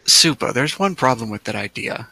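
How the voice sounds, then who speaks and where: Young man, gravelly fry and a bright edge; teasing, laughing, swears. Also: mid-range voice, expressive, normal speed. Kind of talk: casual gaming voice chat.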